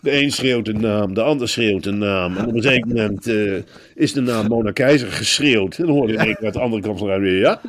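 A man's voice: lowish voice, fast. Theatrical, mocking man. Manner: mocking, theatrical, slips into put-on voices. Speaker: podcast co-host. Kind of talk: satirical casual chat.

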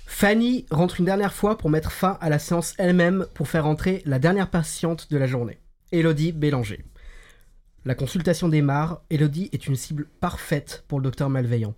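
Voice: medium pitch, moderate pace, darkish tone. A narrator setting up an improvised comedy scene in a plain, matter-of-fact way.

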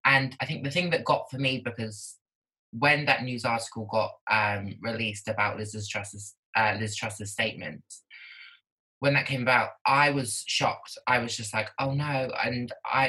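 A woman's voice: a bass voice, sharp tone, rough recording. A woman, a podcast guest talking candidly and casually over a video call, with many "like" fillers. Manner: candid, chatty, lots of "like" fillers. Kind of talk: casual conversation.

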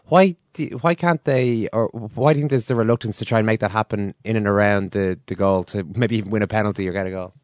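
A man's voice: lowish voice, quick pace, hardly any pauses, no echo, clean studio sound. A man with an Irish accent hosting a sports show, asking questions in a conversational radio style.

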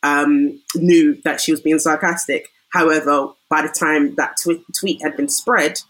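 Woman with a low pitch, relaxed conversational telling of an anecdote. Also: a little slow, poor audio. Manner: recounts an example at length, hedging often. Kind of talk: casual discussion.

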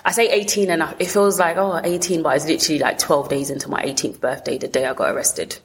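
A woman's voice: low voice, fast talker, slight background noise. A woman with a south London accent telling her own story candidly in an interview, in colloquial, often rephrased bursts. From south London, England. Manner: colloquial, talks in short bursts with frequent rephrasing. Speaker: interview guest.

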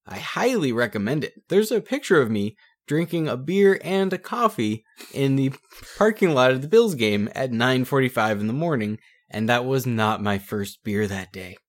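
A man with a very lively, swooping voice co-hosts a casual podcast. He reads news clippings with a joking edge and swears casually. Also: medium pitch, normal speed. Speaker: podcast co-host. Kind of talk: casual chat reading old news.

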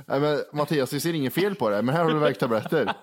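A man in his thirties with a Värmland accent, co-hosting a podcast in casual, self-mocking chat with easy swearing. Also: on the high side. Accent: Värmland Swedish. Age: 30s. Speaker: podcast co-host.

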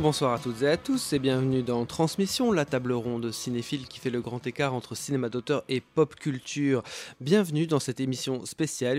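A man's voice: medium pitch, a little mellow, no room sound. A man hosts a film discussion show. His voice sits in a middle register and is recorded very dry. He presents prepared notes in an articulate, orderly manner. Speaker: host. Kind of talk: scripted introduction to a film round table.

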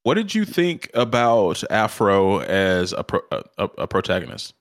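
A man's voice: fairly low pitch, very animated, normal speed, no room sound, clean studio sound. A man co-hosting a podcast in casual chat, asking questions and swearing casually. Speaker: podcast co-host.

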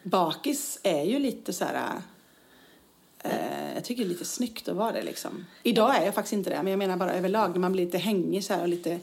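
Chatty woman telling lively anecdotes. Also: lowish voice, creaky. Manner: chatty storyteller, acts out quotes, laughs often. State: tired after partying. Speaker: podcast co-host. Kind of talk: casual chat.

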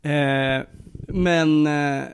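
A man co-hosting a podcast in quick, teasing casual chat, with a Stockholm accent tinged with Östergötland. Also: on the high side, steady tone, a little hiss or hum. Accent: mix of Stockholm and Östergötland Swedish. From Linköping, Sweden. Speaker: podcast co-host.

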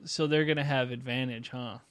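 A man playing a tabletop game, excitable and prone to swearing, reacting to his rolls. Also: medium pitch, a little fast, clear, resonant tone, no echo. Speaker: player.

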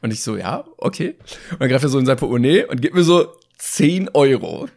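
A man with a gravelly, medium-pitched voice talks fast as he co-hosts a podcast and casually relates a comic story. Animated, he performs the dialogue using different voices.

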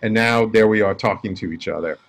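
A man's voice: on the low side, fairly quick. A man who works as a life coach, telling stories as a guest in a casual interview and acting out the dialogue in them. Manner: animated storyteller acting out quoted dialogue.

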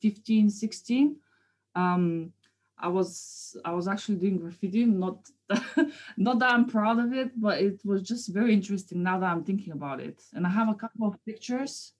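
A woman's voice: medium pitch, normal speed, darkish tone. A woman in her thirties from Bulgaria, talking casually about her art in an interview, hesitant, with many fillers and restarts. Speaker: guest artist.

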